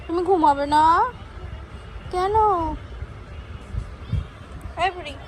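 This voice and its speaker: A high-pitched woman chats casually to the camera and coos at her little daughter in a coaxing, sing-song way. The home recording carries a steady hiss of background noise, with traffic passing outside. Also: slow, low-quality recording. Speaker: mother vlogging with her toddler daughter. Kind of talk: casual vlog chat to camera and toddler. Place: home at night.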